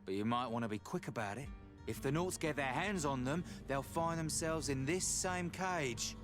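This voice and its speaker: An actor playing a wry, sardonic jailed smuggler who bargains, in a video game. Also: male voice, mid-range voice, moderate pace, close to an everyday voice. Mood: wry, bargaining. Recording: music behind the dialogue.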